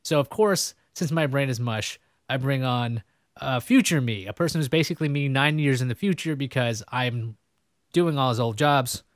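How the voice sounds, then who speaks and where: A man's voice: mid-range voice, normal speed, no echo, studio quality. A man hosting a casual interview show, rambling and joking about himself. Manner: rambling, self-mocking, jokey. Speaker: host. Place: New York.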